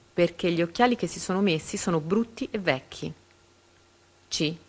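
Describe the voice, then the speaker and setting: A woman with a voice on the low side reads reading-comprehension questions and their options aloud, stopping carefully after every letter.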